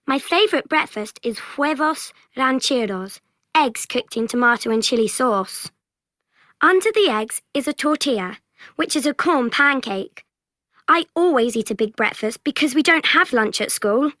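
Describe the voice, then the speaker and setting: A woman voicing a cheerful girl in a textbook listening recording, reading clearly. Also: high voice, lively intonation, normal speed, a bit bright, dry recording, clean studio sound. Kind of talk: scripted textbook audio.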